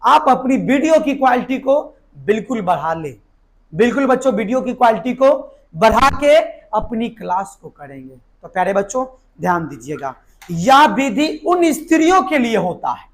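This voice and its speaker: Hoarse, high-voiced male teacher, keeps quizzing the class and answering himself. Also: big pitch swings, moderate pace. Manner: asks the class questions and answers them himself, repeats key words. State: hoarse from a sore throat. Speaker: biology teacher. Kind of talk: live online exam-prep lesson.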